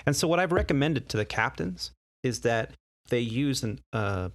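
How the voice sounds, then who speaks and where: A relaxed American man co-hosting a podcast about flying. He talks in a loose, chatty way at a middle pitch, and the sound is dry and close to the mic. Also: moderate pace, dry recording. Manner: relaxed, chatty, frequent fillers and restarts. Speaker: podcast co-host and airline pilot. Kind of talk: casual podcast chat.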